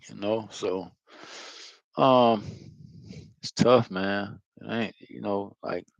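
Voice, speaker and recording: A man's voice: lowish voice, fairly even intonation, slow, vocal fry, no room sound. A man giving a loose, profane spiritual monologue, talking casually with lots of fillers. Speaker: spiritual vlogger.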